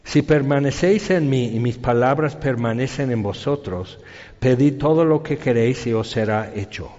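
A man preaching a sermon in a conversational, animated way, acting out quoted voices. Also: mid-range voice, normal speed, in a large hall, lo-fi sound.

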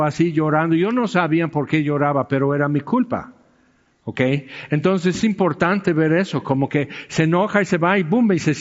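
A middle-aged man, a pastor giving a candid, conversational sermon with frequent check-in asides. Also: on the high side. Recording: dull sound with long hall reverb.

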